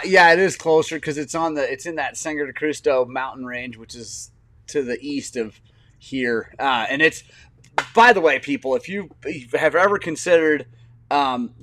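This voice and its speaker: A man's voice: medium pitch, fairly bright tone. A man in his forties, a podcast co-host, telling rambling stories in casual chat and laughing often. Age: 40s.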